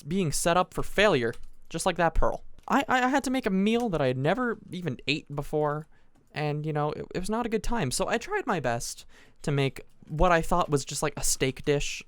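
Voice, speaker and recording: Rambling teen boy with smooth dry voice. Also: on the high side, no echo. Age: teens. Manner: rambling, self-interrupting, frequent restarts. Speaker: gaming commentator. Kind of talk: casual storytelling over gameplay.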